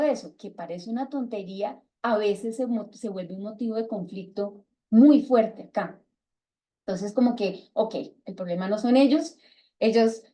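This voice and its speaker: Lively Colombian woman leading a book club. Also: a little high. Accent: Colombian Spanish. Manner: lively, acts out quoted dialogue in raised voice. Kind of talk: casual talk to a reading group. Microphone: video call.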